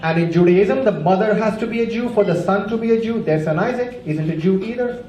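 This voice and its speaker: A man's voice: high-pitched, brisk, darkish tone. A man from India doing a wry, conversational stand-up routine and acting out voices. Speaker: stand-up comedian. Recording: roomy club with audience noise.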